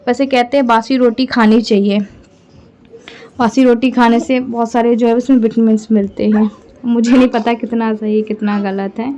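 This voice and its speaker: A woman's voice: on the high side, fairly even intonation, moderate pace, warm tone. A woman vlogger chatting straight to her viewers in a casual home voice-over.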